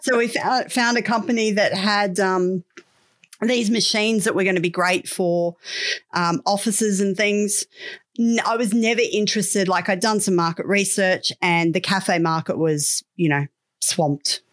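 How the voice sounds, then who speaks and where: A woman's voice: mid-range voice, fairly even intonation, measured pace. A middle-aged Australian woman telling stories in a casual interview, with a candid, wry, colloquial manner. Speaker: podcast guest, business owner.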